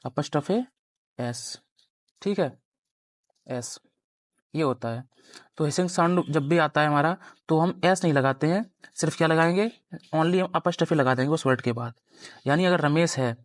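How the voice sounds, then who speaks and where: A young man with a fairly high voice teaches grammar at a board, explaining step by step and quizzing his students constantly. The recording is dry.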